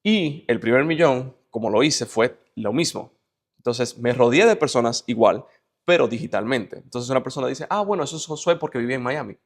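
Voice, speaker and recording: A medium-pitched, expressive male voice comes from a Dominican interview guest who talks fairly quickly. With his Dominican Spanish accent, he pushes motivational points emphatically, often through lists and rhetorical questions.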